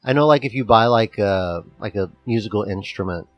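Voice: medium pitch, a little fast, dry recording, lo-fi sound. A podcast co-host chatting casually, playful and teasing, with lots of "like". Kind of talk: casual chat.

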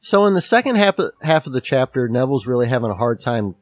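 A man's voice: mid-range voice, very animated, fast talker. A man with a slight lisp, co-hosting a casual podcast chat about a book chapter and rambling with restarts. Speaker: podcast co-host.

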